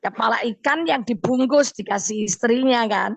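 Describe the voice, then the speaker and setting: A woman evangelist, teaching from the Bible on a radio show and telling stories with deliberate emphasis. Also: fairly high pitch, creaky, no room sound. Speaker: evangelist guest speaker. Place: radio studio.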